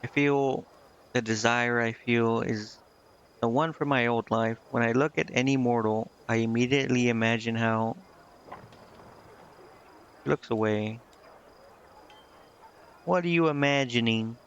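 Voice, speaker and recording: Over game music, a man streams his play, making casual remarks and reading lines aloud in a halting way that stumbles over words. His voice is medium-pitched, steady, and unhurried with frequent pauses. The recording is slightly muffled and carries a little hiss or hum.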